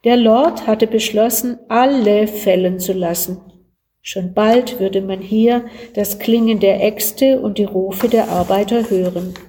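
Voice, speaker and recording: Brief: woman narrator, mellow warm tone, unhurried devotional story reading. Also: mid-range voice.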